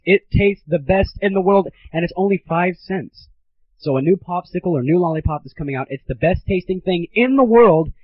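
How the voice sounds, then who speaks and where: On dull, lo-fi 1990s internet audio, a teenage male host with a fairly high, husky voice does a casual comedy monologue for a gaming show. His humor is crude, irreverent and mock-grandiose.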